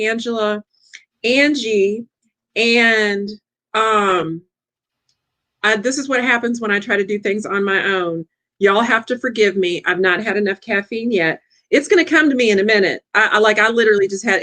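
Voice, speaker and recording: A woman hosting a lively coaching livestream, chatty and excitable, talking straight to her audience. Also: medium pitch.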